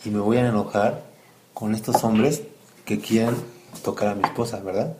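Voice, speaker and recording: A man's voice: fairly low pitch, steady tone, normal speed. A man, a father telling a bible story to his child at home, asking questions and acting out quotes, recorded in an echoey room. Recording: echoey room, faint noise.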